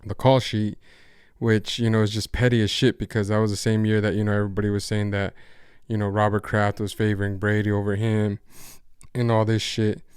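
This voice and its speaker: A man's voice: fairly low pitch, little pitch movement, fairly quick, darkish tone, clear, resonant tone, dry recording, studio quality. A man hosting a podcast, talking casually about sports in a rambling, slangy way with frequent restarts and swearing. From Mexico. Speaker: podcast host.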